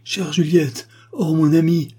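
A man's voice: medium pitch, fairly even intonation, moderate pace, warm tone, slightly rough, close to an everyday voice. A man voicing an ardent young nobleman who pleads urgently and insistently. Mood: pleading. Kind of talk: audiobook character voice.

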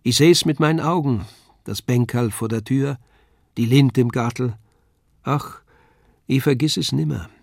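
A man reading aloud, voicing a warm young puppeteer's daughter who speaks with a southern German dialect in a gentle, earnest way. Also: medium pitch, a little slow, creaky, pauses often, no room sound, clean studio sound. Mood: tender.

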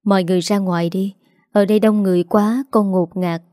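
Give me a woman doing a calm dying young man in an audio story, quiet and gentle. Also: mid-range voice, brisk, dry recording, clean studio sound, natural voice.

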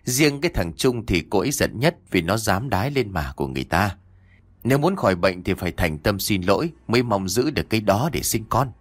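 A man's voice: lowish voice, big pitch swings, brisk, no room sound. Man doing a grave village fortune-teller. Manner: reassuring, grave.

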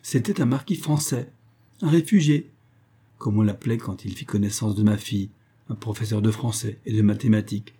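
A man's voice: on the low side, normal speed, dark tone, slightly rough. A man reading an audiobook voices a greedy, spiteful old woman on her deathbed, wheedling and gasping. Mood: insistent. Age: older. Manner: wheedling, mercenary, cackling. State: dying, gasping out syllables.

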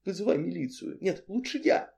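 Man doing a young woman, hushed urgent whisper, raised pitch, soft and mellow. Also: expressive, normal speed. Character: young woman, frightened but defiant. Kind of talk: audiobook character reading.

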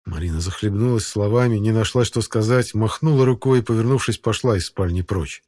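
A man narrating an audiobook in a steady, even storytelling manner. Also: lowish voice, fairly quick. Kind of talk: scripted narration.

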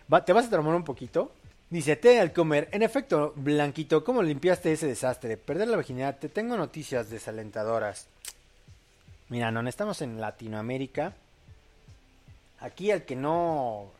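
A man's voice: on the high side, darkish tone. A young man hosting a casual late-night live show, reading audience posts aloud in a crude, joking way and laughing often.

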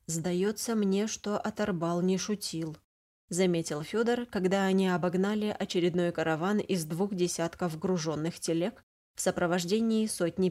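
A woman narrating an adventure novel aloud, reading the characters' lines in a lightly voiced, even manner. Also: fairly low pitch. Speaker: audiobook narrator. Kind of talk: scripted narration.

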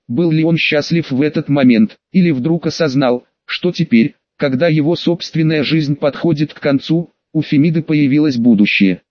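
A man's voice: fairly high pitch, a little mellow, no room sound, dull audio. A man reading a fantasy audiobook aloud, lightly shifting his voice for the characters in the dialogue. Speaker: audiobook narrator. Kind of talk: scripted narration.

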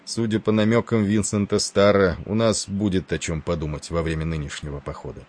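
A man voicing a gruff, pompous older male admiral. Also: low-pitched, fairly even intonation, a little fast, darkish tone.

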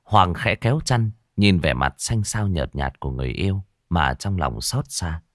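A man narrating a horror story with a dramatic, expressive reading. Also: low voice, normal speed, no room sound, clean studio sound.

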